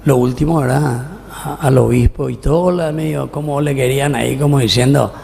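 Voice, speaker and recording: A man's voice: medium pitch, fairly even intonation, moderate pace, creaky, darkish tone, slight background noise. A middle-aged man with a Paraguayan Spanish accent, a parish priest giving a folksy, conversational homily at Mass and often asking "¿verdad?". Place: church. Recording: long church reverb.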